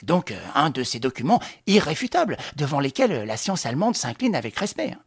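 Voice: medium pitch, sing-song, a little fast, husky, no room sound, clean studio sound. A reader voicing a young officer who talks to his prisoner in a mock-friendly, sarcastic tone. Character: mocking young French officer, coldly ironic.

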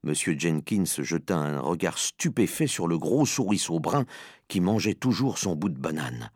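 A man narrating a story in an audiobook with lively, expressive delivery. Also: low-pitched, moderate pace, slightly rough, dry recording, clean studio sound.

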